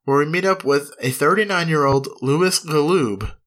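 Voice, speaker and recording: A man's voice: on the high side, moderate pace, a bit bright. A man hosting a comedic history podcast, mixing narration with playful, profane casual chat. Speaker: podcast host.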